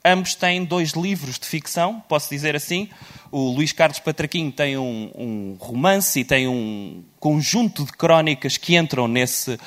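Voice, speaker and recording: A man with a European Portuguese accent moderating a live literary panel, speaking loudly in a playful, teasing way. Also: on the high side.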